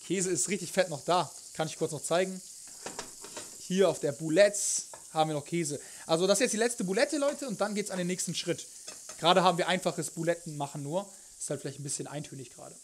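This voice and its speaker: A man's voice: high voice, brisk, a little hiss or hum. A young man chatting casually on a cooking livestream, rambling and joking in loose slang as he answers his chat. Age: young adult. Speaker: live streamer, cooking show host. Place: home kitchen, indoors. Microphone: headset.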